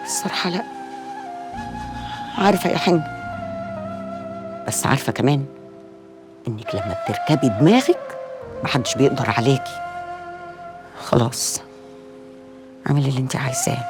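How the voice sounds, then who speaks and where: Middle-aged Egyptian mother, scolding but coaxing, lively swinging pitch, music under it. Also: moderate pace, pauses often, full character voice. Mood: pleading. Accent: Egyptian Arabic. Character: stern, pleading mother of a grown daughter. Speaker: mother in a TV drama.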